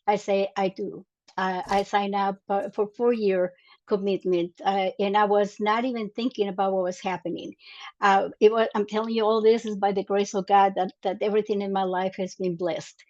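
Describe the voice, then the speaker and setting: A woman's voice: medium pitch, flat delivery, normal speed, a little mellow. Earnest woman from Mexico, muffled audio. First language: Spanish. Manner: earnest, hesitant, many fillers and restarts. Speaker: guest, Army veteran. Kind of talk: interview, personal story.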